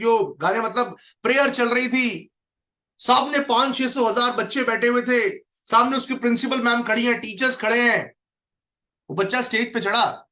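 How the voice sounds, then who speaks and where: A man's voice: very high-pitched, sharp tone. A man giving a motivational training talk to an online audience. He speaks emphatically, repeats his key phrases and calls out listeners by name.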